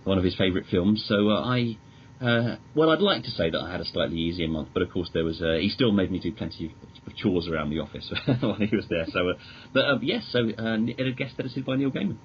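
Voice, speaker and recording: A British magazine editor, a guest on a podcast, chats casually in a lowish, animated voice at a quick pace. He's hesitant and rambling but enthusiastic, and the lo-fi audio is dull with clear noise.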